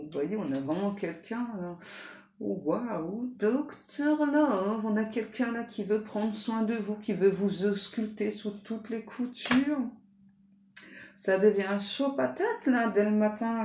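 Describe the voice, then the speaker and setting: A woman's voice: mid-range voice, a little mellow, echoey room. A woman doing a casual tarot card reading, talking in a chatty way full of fillers and restarts.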